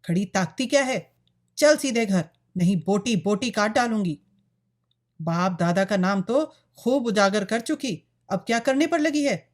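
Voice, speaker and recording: A woman voicing a harsh old village mother, shrill and grating as she scolds her daughter in a storybook reading. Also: animated, measured pace. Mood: scolding.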